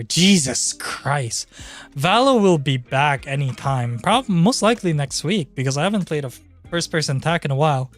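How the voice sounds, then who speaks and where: A man chatting casually on a livestream in an informal, sweary, rambling way. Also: fairly high pitch. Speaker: streamer. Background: background music.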